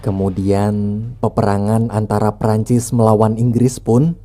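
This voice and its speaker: Dark-voiced man narrating a story. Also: on the low side, level tone, a little slow. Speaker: film recap narrator. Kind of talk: scripted story narration with casual asides. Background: background music.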